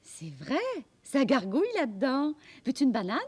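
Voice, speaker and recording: A woman's voice: sits high, big pitch swings, moderate pace, darkish tone, breathy edge, exaggerated voice. A woman playing a patient, motherly adult who explains things to a child. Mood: gentle. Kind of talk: children's TV acting.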